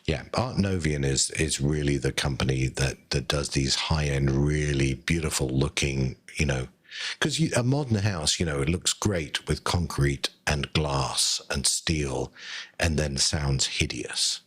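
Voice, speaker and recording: A deep-voiced man appearing as a guest on a podcast. He talks in a measured, wry manner, his tone a little husky. He sounds like a seasoned tech executive. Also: a bit bright. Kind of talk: casual podcast chat.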